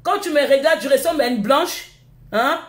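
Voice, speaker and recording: A Congolese French-accented woman hosts a live stream, animated and high-pitched at a moderate pace. Her rant is heated and scolding, packed with insults, and she's recording in an echoey room.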